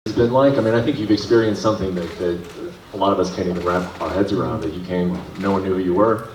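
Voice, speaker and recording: A man with a low voice asks questions as a reporter at a press conference. He talks fast, assembling each question in pieces. He is heard from a distance in an echoey room. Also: slight background noise.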